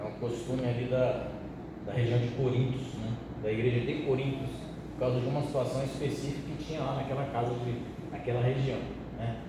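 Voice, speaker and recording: A man's voice: mid-range voice, flat delivery, fairly quick. A pastor from Brazil teaching a Bible study in a colloquial, joking way and asking his listeners questions. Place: church hall. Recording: echoey hall, distant mic, background noise.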